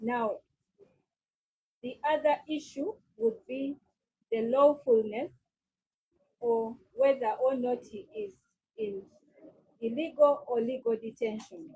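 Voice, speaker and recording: A woman's voice: high voice, very animated, slow pace, gravelly, long pauses, warm tone, muffled recording. A woman serving as counsel, politely making her own submission in court with occasional fillers.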